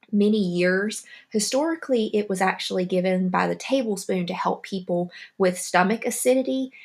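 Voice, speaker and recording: A woman's voice: medium pitch, gravelly. A woman with a Southern US accent hosting a podcast, reading a friendly scripted monologue with careful delivery. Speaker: podcast host.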